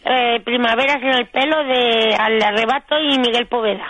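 A woman calling in to a radio show, hoarse from a cold, speaking softly and briefly. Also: a little high, steady tone, normal speed, no room sound, poor audio. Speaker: radio caller. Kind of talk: phone call to radio show.

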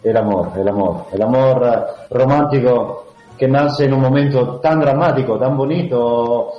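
A man from Italy, speaking with an Italian accent as an interview guest, talking in a halting way full of fillers and restarts. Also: mid-range voice, soft background music. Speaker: guest, actor. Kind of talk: conversational interview. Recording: roomy, dull lo-fi sound.

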